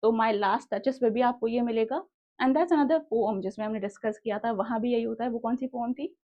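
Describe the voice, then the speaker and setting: Reading questions out slowly in a slightly high voice, a young Indian woman runs an online literature class for exam preparation, mixing Hindi with English. The recording has its highs cut off.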